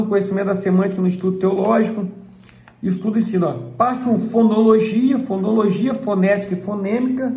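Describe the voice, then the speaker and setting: A church elder with a Brazilian Portuguese accent teaches from a book, pausing often to point things out. His voice sits fairly high but sounds mellow and gravelly. The recording carries a noticeable room echo. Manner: points things out with frequent "look" asides. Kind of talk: explaining a book page by page.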